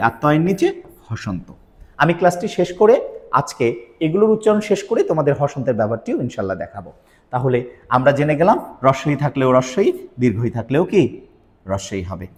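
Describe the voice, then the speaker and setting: Recorded in a large hall, a Bangla grammar teacher runs through pronunciation rules step by step and quizzes his students for a video lesson. He speaks fast and very animatedly, with a slightly high, darkish voice.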